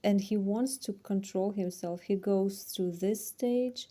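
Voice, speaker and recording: A woman's voice: mid-range voice, takes it slowly, warm tone. A woman in a casual conversation, curious, thinking aloud and asking follow-up questions.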